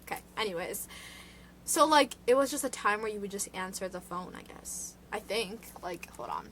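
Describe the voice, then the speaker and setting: A woman's voice: medium pitch, expressive, moderate pace, background noise. A woman vlogger casually retelling true crime cases in a rambling way, full of "like" fillers and side chatter, recorded indoors. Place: indoor room.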